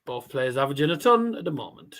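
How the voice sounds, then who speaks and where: A man's voice: mid-range voice, big pitch swings, quick pace, fairly bright tone. A man doing casual live darts commentary as a watchalong host, with trouble pronouncing his R sounds. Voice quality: cannot pronounce R sounds properly.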